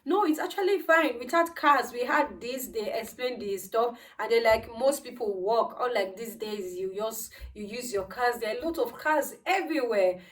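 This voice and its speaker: A woman's voice: fairly high pitch, lively intonation, moderate pace, few pauses. Nigerian woman chatting, distant from the mic. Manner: conversational, emphatic, repeats words, acts out quoted exchanges. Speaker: vlogger, healthcare assistant. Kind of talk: casual explanatory vlog chat.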